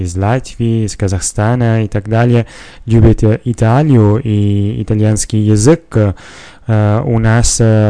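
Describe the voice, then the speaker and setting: Hosting a solo podcast monologue in a learned language, this non-native speaker from Italy talks with an Italian accent, hesitating and filling gaps with many filler sounds. His lowish voice is mellow, and the recording is clean with no echo.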